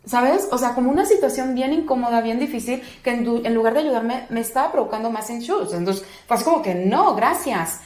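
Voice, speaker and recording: This woman talks at a quick pace with hardly any pauses and a fairly high pitch. As a doula and interview guest, she animatedly recounts a personal experience, raising her voice to act out what other people said, and the recording has a roomy echo.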